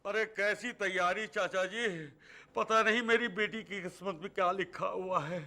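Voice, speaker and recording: A man's voice: high-pitched, fairly even intonation, normal speed, sharp tone. An actor playing a worried village priest in a cartoon, anxiously pleading for help for his daughter. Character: frightened pleading village priest, a bride's father.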